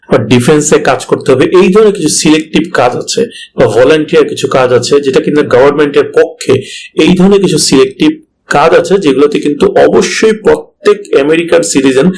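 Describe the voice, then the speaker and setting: A man, tutoring for a citizenship test, slowly repeating English words and then explaining them quickly. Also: a little high, darkish tone, slight background noise, poor audio.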